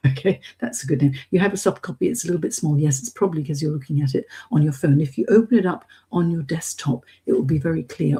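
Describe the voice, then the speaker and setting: In a low, mellow, slightly rough voice, a middle-aged British woman speaks directly and encouragingly to viewers of her informal live coaching stream. She is a British expatriate from Hong Kong.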